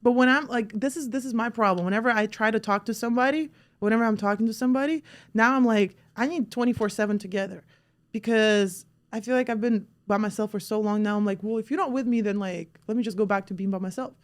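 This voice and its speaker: A woman from Russia hosting a casual podcast, telling stories in a chatty, animated way with lots of restarts. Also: a little high, fast. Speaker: podcast host.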